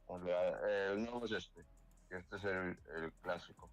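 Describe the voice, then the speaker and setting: A man from Cantabria in northern Spain with a Cantabrian accent, chatting casually with some halting restarts. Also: low-pitched, steady tone, poor audio. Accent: Cantabrian Spanish. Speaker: guest gamer. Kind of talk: casual chat.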